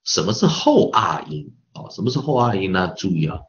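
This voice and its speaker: A man's voice: fairly low pitch, huge pitch swings, normal speed, dull audio. A man teaching English pronunciation in a recorded online lesson with a Taiwanese Mandarin accent, patiently repeating sounds over and over to demonstrate them.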